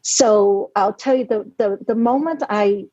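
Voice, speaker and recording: She speaks a little slowly, her medium-pitched voice warm in tone. The guest, a forties-aged novelist originally from Hong Kong who grew up in New York City, gives an earnest, reflective podcast interview about her story, peppered with "you know." Audio is dry, dull and lo-fi, with no room sound.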